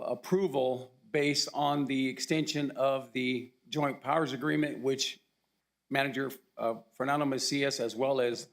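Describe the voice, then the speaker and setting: A man with a hoarse, gravelly voice gives a formal report at a county commission meeting. He pauses often and fills the gaps with uh and um, and his voice catches in a rough fry. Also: mid-range voice. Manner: halting, with frequent uh and um.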